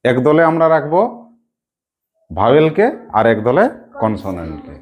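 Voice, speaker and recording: A woman's voice: extremely low pitch, sing-song, normal speed, husky, highs cut off. A woman teacher with a Purulia Bengali accent gives a classroom lesson, prompting her pupils to answer aloud in call-and-response.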